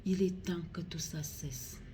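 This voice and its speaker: In a solemn plea to the public, a female regional councillor with a Cameroonian accent speaks very slowly and gravely in a low, mellow tone. Each phrase is deliberate, and some light noise sits in the recording.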